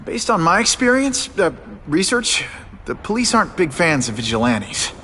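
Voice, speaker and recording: An actor playing an earnest young photographer and secret superhero in a video game, boyish, tentative and conversational. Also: male voice, high-pitched, big pitch swings, normal speed, pushed and bright, slight background noise, full character voice. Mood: polite, wary.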